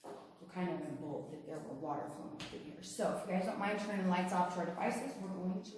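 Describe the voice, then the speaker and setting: A cave tour guide talks fast in a fairly low voice, keeping things chatty and folksy with her group and addressing them as "you guys" as she shows them through a large underground cave. The recording carries long, echoing reverb and a little faint noise.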